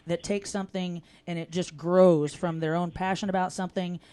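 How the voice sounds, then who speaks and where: A woman's voice: lowish voice, little pitch movement, normal speed, dark tone, smooth. A woman hosting a local radio talk show, chatty and upbeat as she questions a caller and promotes sponsors. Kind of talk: casual local radio chat.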